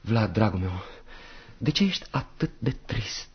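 An actor playing an anxious, brooding young soldier in a radio play, musing and sometimes whispering. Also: male voice, lowish voice, expressive, creaky, breathy edge, heavily acted. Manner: brooding, shifts to hushed whispers and loud outbursts. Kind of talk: radio drama acting. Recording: dull lo-fi radio recording.

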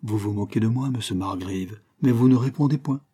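A man's voice: on the low side, a little fast, dark tone, husky. A man reading an audiobook, voicing an earnest, emotional young married woman with a tremulous, pleading manner. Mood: reproachful.

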